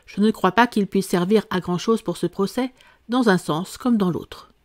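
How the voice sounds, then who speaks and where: A woman's voice: mid-range voice, normal speed, a little mellow, close to an everyday voice. Woman voices young girl heroine, frank, defiant, storybook. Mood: indignant. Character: bold, indignant young girl Alice.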